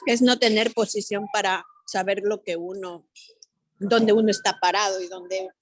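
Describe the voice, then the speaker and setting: A woman's voice: medium pitch, steady tone, moderate pace. A woman taking part in a Bible study class, giving short, ready answers. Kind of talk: class discussion.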